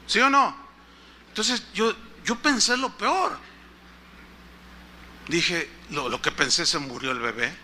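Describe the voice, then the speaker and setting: A man's voice: on the high side, sharp tone, a little hiss or hum. A man preaching a sermon as pastor, telling a story and asking the congregation questions.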